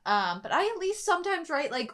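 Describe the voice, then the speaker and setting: A woman's voice: very high voice, sing-song, a little fast, a bit bright. A woman co-hosting a casual anime reaction chat, chatty and full of filler words.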